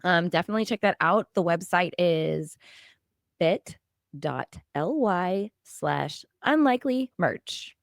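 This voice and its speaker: A woman in her late thirties co-hosting a podcast in lively casual chat, laughing often, her voice a little strained. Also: lowish voice, slow, vocal fry, no echo, studio quality. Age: 30s. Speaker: podcast co-host.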